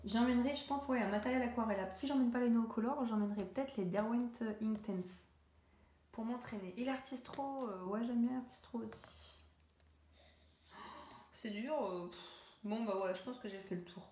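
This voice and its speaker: A woman's voice: fairly high pitch, normal speed, mellow, echoey room, slight background noise. A young woman chatting casually while coloring, rambling with many fillers and self-corrections, laughing at her own jokes. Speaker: coloring YouTuber.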